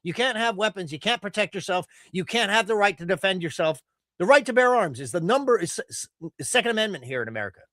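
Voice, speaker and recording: A man's voice: high voice, animated, fast, bright, forceful tone, dry recording, clean studio sound. A man giving ranting political commentary in a heated, profane and sarcastic manner. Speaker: streamer.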